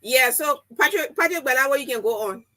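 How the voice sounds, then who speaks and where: A woman's voice: sits high, animated, fairly quick, bright, forceful tone. A Liberian woman hosting a live phone-in with a three-way phone call, informal and hesitant, repeating herself. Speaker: radio talk show host juggling a three-way phone call. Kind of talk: casual live phone-in chat.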